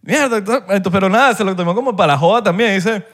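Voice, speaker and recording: A man with a Venezuelan Spanish accent co-hosts a podcast, chatting casually in a high-pitched voice at a quick pace. He's an animated storyteller, full of slang, swearing freely and acting out other people's voices.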